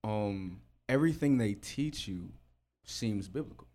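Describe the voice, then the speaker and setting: A man's voice: fairly low pitch, animated, unhurried, darkish tone. A man, a guest musician, telling a story in casual slangy talk, laughing often. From Florida.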